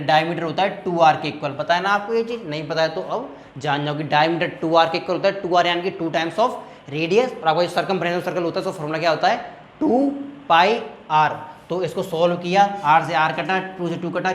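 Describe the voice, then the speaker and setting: Man, maths tutor, fairly high voice, talks students through each step with frequent check-ins, echoey room. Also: slight background noise. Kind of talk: classroom maths lesson.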